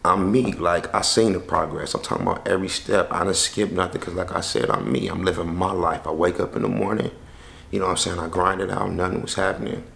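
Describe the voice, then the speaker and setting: A young man telling a story casually to a handheld camera in and around his house, slangy and animated, acting out the people he quotes. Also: low-pitched, fairly quick, gravelly. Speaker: vlogger. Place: house interior and front porch. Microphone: handheld camera close to face.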